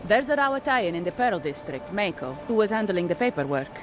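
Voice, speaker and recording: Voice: mid-range voice, big pitch swings, brisk, over music, lightly acted. An actor playing a courteous character asking for help in a fantasy video game, in a polite manner. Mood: polite, reserved. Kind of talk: dramatic video game dialogue.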